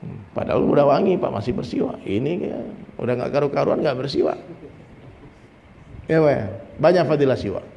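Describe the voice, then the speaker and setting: A man from Minangkabau, West Sumatra, preaches a dawn sermon conversationally, frequently addressing listeners directly while joking and imitating people. His mid-range voice is expressive, fairly quick, gravelly, and dark, captured with faint noise and a long reverb in the hall.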